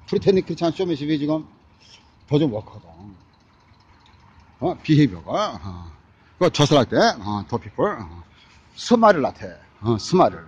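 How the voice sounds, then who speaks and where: A man's voice: fairly high pitch, darkish tone, slightly rough, muffled recording. A man delivering a rambling, repetitive street monologue into a phone camera, scattering English phrases and grunted fillers through his speech. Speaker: vlogger. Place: outdoors on a city street.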